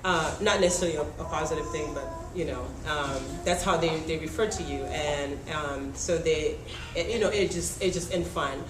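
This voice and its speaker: A woman's voice: low-pitched, moderate pace, few pauses. A young woman from Haiti, whose first language is Haitian Creole, telling personal stories to a panel audience in a chatty way, with many ums and small laughs. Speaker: panel speaker. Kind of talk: personal talk at a public forum. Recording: echoey room with background noise.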